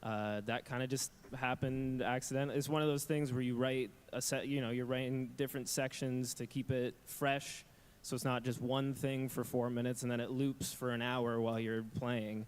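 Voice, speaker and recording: A man's voice: medium pitch, fairly even intonation, normal speed, clean tone. A man who composes game music, chatting casually and loosely on a convention panel. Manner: casual, rambling, plain-spoken. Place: live convention stage.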